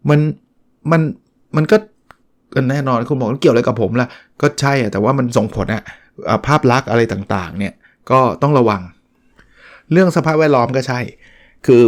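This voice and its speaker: A man's voice: medium pitch, animated, normal speed, pauses often. Middle-aged guy chatting thru a book review, easygoing, lots of restarts and polite little endings. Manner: conversational with frequent restarts and polite particles. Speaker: podcast host reviewing a book. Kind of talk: casual solo talk.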